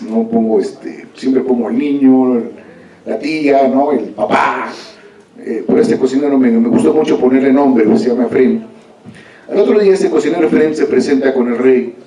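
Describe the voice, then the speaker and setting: A man's voice: mid-range voice, dark tone. Man telling a story in a hall. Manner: conversational, with frequent "¿no?" tags. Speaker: author presenting his book. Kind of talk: oral storytelling to an audience. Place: large formal hall. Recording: echoey hall from far off.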